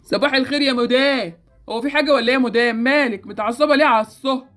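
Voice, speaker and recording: A woman's voice: high voice, rapid-fire, fairly bright tone, faint music behind. Woman playing a cheeky Egyptian doorman. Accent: Egyptian Arabic. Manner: teasing, joking, unbothered. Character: male doorman, cheeky and easygoing.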